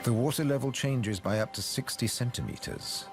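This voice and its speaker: A man reading scripted nature documentary narration in a measured way, with dramatic pauses. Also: mid-range voice. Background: background music.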